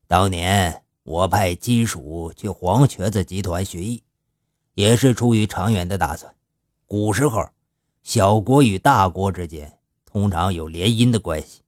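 A male storyteller voicing a shrewd older gang leader who speaks slowly and with fatherly authority. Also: low voice, darkish tone, no room sound, studio quality. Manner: slow, measured, fatherly.

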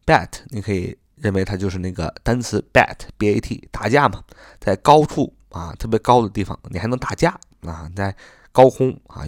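Low-voiced Chinese man teaching English words. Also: no room sound, clean studio sound. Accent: Mandarin Chinese. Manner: spells words letter by letter and repeats them slowly. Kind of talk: spoken vocabulary lesson.

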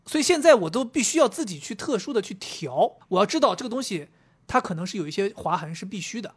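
A man co-hosting a laid-back podcast speaks fast in a high voice with a breathy edge. He spins lively stories and voices both parties in the dialogues he recounts.

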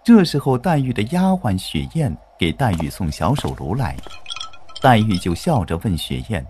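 Animated man narrating a children's story. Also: on the low side, normal speed, slight background noise. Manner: expressive, animated.

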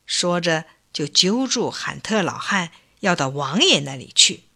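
A woman reading a folk tale aloud in an expressive, unhurried way. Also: fairly low pitch, vocal fry, breathy edge. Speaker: storyteller.

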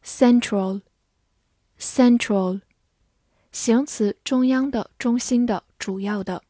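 A woman reading a vocabulary list slowly, saying each word twice before its meanings. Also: fairly high pitch, dark tone, no echo, clean studio sound. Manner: slow, deliberate, repeats each word twice. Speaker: vocabulary reader. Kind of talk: slow word-list drill.

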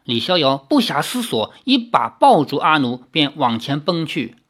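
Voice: mid-range voice, very animated, normal speed, a bit bright. An audiobook narrator reading a novel dramatically, with casual asides.

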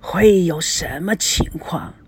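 A woman voicing a grieving old man who pleads gently with his brother, speaking low, husky and quavering. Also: expressive, slow pace, background noise. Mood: coaxing.

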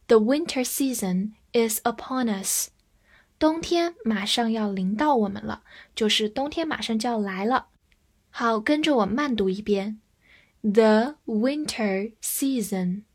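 A woman teaching English vocabulary in a scripted lesson, spelling each word out letter by letter. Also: fairly high pitch. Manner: slow, spells words letter by letter.

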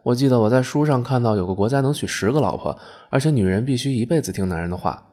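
A man's voice: medium pitch, animated, quick pace, dark tone, close to an everyday voice. A man voicing a foolish modern man thrown into the past, who talks in a whiny, pleading way. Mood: eager.

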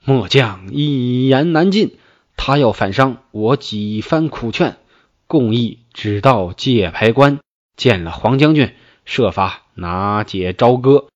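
A man voicing a scheming, smooth-talking male officer with a persuasive, wheedling way of speaking. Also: medium pitch, lively intonation, takes it slowly. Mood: earnest. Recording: dull, dry lo-fi recording.

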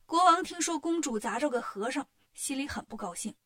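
A woman narrating a children's story in a clear, expressive way. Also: high voice, brisk, dry recording, studio quality.

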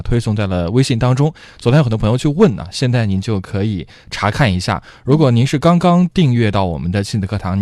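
A man hosting a radio parenting call-in show, making steady announcements and taking calls. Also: lowish voice, no echo. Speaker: radio host.

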